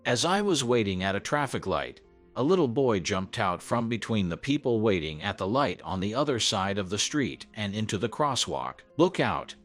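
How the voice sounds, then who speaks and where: A man narrating a first-person story in an earnest, scripted way. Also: fairly low pitch. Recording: soft background music.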